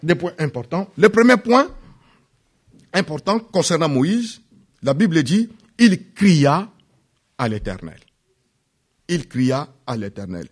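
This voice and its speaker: A man preaching a sermon, repeating phrases and swinging from loud peaks to hushed drops. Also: fairly high pitch, slightly rough. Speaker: pastor.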